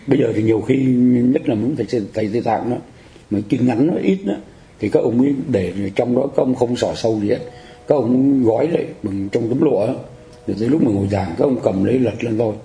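Man, Buddhist lecture, dark gravelly voice, explanatory and repetitive, echoey room. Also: mid-range voice. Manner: explanatory, repeats phrases, asks the audience for agreement. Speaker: Buddhist teacher. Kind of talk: dharma lecture.

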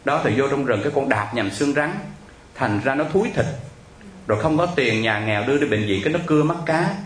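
A man's voice: medium pitch, expressive, brisk, roomy sound, slight background noise, close to an everyday voice. A man voicing a poor crippled young girl begging and pleading through tears. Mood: tearful. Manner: wailing, pleading.

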